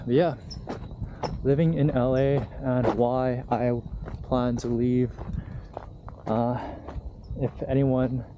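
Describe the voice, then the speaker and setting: A young man talking loosely and candidly to his camera while hiking uphill, out of breath. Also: medium pitch. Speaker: vlogger. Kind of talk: casual vlog talk while hiking. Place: outdoors on a hiking trail. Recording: outdoor recording with clear background noise.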